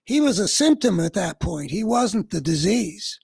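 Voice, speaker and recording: A radio host delivers a political commentary monologue, earnest and searching as he thinks aloud in long, winding sentences. His voice sits high and is somewhat husky, slightly breathy, and darkish, very animated at a normal speed.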